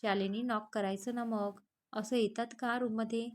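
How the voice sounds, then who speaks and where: A woman reads the lines of a young male psychiatrist in a story. He is calm but curt, scolding when annoyed. The voice sits a little high. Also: moderate pace, natural voice. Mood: mock-stern. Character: young man, calm psychiatrist, gruff and protective.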